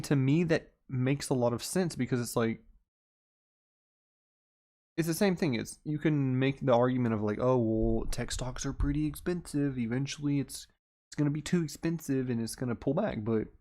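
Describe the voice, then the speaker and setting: A man's voice: mid-range voice, a little mellow. A man hosting an investing livestream, reading news items aloud and then chatting loosely about them with asides and small chuckles. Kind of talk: casual live-stream commentary.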